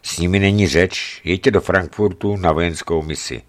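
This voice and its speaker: A man voicing a secretive, helpful German border guard who gives hushed, urgent instructions. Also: low voice, natural voice.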